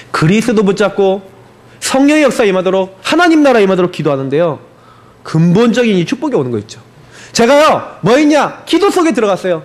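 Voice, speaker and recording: A young man preaching a sermon as pastor, emphatic and insistent, often repeating his point. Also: extremely high pitch.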